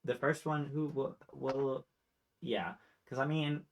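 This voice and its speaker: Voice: medium pitch, steady tone, takes it slowly, a little hiss or hum, low-quality recording. A game master narrating a tabletop role-playing game in a casual way, with many fillers.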